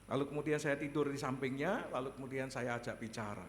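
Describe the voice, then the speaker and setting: A male pastor preaching a sermon, telling a personal story in an animated way, chuckling often and addressing the congregation directly. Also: mid-range voice, quick pace. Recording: echoey hall, faint background noise.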